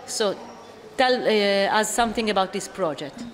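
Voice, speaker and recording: A woman interviewer asking a question haltingly, searching for her words. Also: mid-range voice, expressive.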